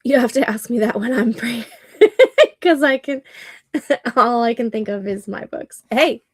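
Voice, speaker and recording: A woman in her thirties hosts a relaxed livestream, reading comments out loud and laughing frequently, sounding nasal and congested. Her fairly high voice is slightly rough and unhurried, captured in studio quality without room sound.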